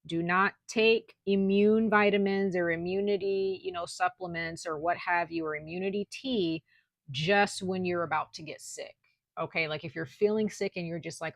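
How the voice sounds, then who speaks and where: A tarot reader gives a casual spiritual reading to camera from home, with noise audible outside but no echo. Her voice is low and gravelly, she speaks softly at times, and she peppers her talk with "like" and "okay?".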